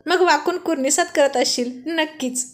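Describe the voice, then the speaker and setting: A woman's voice: high voice, moderate pace, voice pushed up, natural voice. A woman reading the lines of a playful young married man who banters and mock-scolds his friends. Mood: teasing.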